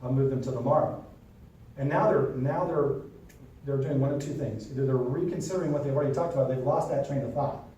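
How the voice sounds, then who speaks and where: A man's voice: mid-range voice, quick pace, dark tone, slight background noise. A man teaching real estate agents in a classroom, talking casually and checking in with the class often. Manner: conversational, keeps checking in with the class. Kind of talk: classroom lesson with role-play. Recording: echoey room from far off.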